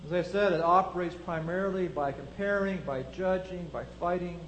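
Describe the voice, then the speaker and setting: A man's voice: sits high, fairly even intonation, moderate pace, a bit bright, echoey room, dull audio, a little hiss or hum. A man preaching a sermon, building his point through strings of rhetorical questions.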